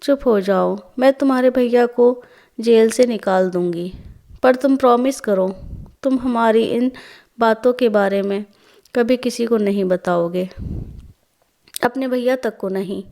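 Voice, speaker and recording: A woman's voice: a little high, a little slow, vocal fry, long pauses, dark tone. A woman voicing a young married woman, hurt and stern, who speaks in a firm, scolding way in a storybook tale.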